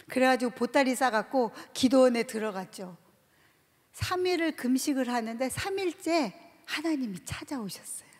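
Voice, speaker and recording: High-voiced woman telling a church testimony. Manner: lively storytelling, acts out voices, laughs. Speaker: company president giving a testimony. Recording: reverberant large hall.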